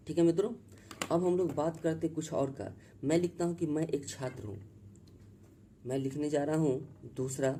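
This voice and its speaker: Slow, repetitive male English teacher. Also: medium pitch, dark tone, a little hiss or hum. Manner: slow and repetitive, spells words out letter by letter; keeps asking "है ना?" to check on the class. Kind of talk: spoken grammar lesson, writing examples.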